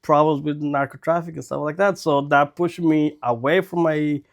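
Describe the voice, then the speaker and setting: A man's voice: fairly high pitch, steady tone, moderate pace, gravelly. A man in his forties with a Mexican accent, a native Spanish speaker, chatting casually as a podcast guest telling his story. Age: 40s. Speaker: podcast guest, dental technician.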